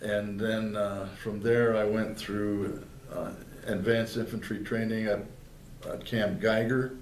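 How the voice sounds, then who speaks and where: A man's voice: lowish voice, little pitch movement, slow pace. An older man from northeastern Pennsylvania, telling his service stories in a plainspoken way with many fillers and restarts, interviewed in a library. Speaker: veteran interviewee. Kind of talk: oral history interview. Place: public library room. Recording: roomy, with faint background noise.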